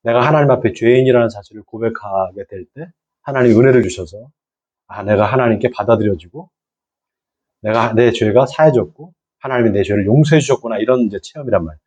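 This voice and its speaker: Middle-aged male pastor for a church lecture, mellow husky voice, keeps checking in with the room and repeating key terms, dull lo-fi sound. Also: medium pitch, fast. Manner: asks the audience and repeats key words. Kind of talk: church lecture to lay people.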